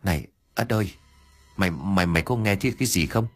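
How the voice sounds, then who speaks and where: A man's voice: sits low, animated, fairly quick, breathy edge, faint music behind. A man voicing a nervous young man who stammers and repeats words when scared. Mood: frightened. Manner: stammering, jittery.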